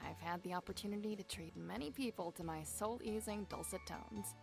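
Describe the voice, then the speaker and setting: [name], a woman voicing a wry gravelly violinist. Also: medium pitch, over music, close to an everyday voice. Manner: measured storytelling with dry disdain. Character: composed adult female violinist, wry and proud. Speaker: violinist character. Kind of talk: voiced game dialogue.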